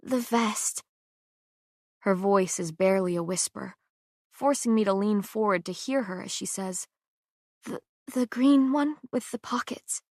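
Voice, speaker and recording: A woman voicing a dying young woman who speaks softly and faintly, gently comforting her friend in an audiobook. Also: mid-range voice, a little slow, dry recording, clean studio sound. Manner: soft, faint and breathy, gentle. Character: dying young woman, weak but smiling. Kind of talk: audiobook character voice.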